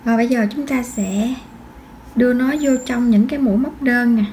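Woman, high voice, patient crochet lesson, faint background hiss. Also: fairly quick, darkish tone. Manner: patient, counts stitches aloud, frequent fillers. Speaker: crochet tutorial host. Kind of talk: step-by-step crochet instruction.

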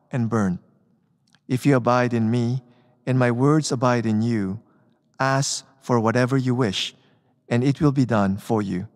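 Male priest, middle-aged, medium pitch, liturgical address with long cathedral echo. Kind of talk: Gospel reading and homily from the lectern. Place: inside a church, at the lectern. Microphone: gooseneck lectern microphone.

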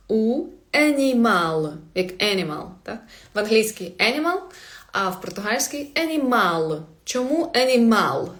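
A woman teaching a language on a live stream, chatty and informal, slowing down to repeat example words with soft laughs. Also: mid-range voice. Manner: slow, exaggerated repetition of example words.

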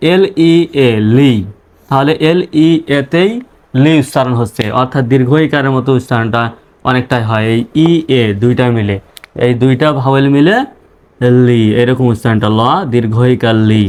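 Bengali guy teaching english reading, spells each word out letter by letter then says it. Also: mid-range voice. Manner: spells words letter by letter, then sounds them out.

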